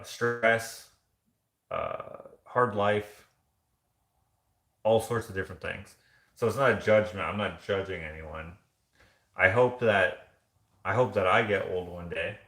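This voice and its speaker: A vlogger hosts a casual live stream, rambling loosely through viewer comments with lots of fillers and restarts. His voice is fairly low and a little bright, and the sound is roomy.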